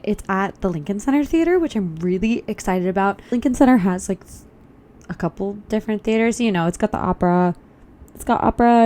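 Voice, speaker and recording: Walking along a loud city street, a young woman chats in a casual, upbeat vlog, thinking aloud as she goes. Her voice is medium-pitched and warm, though it sounds a little tired.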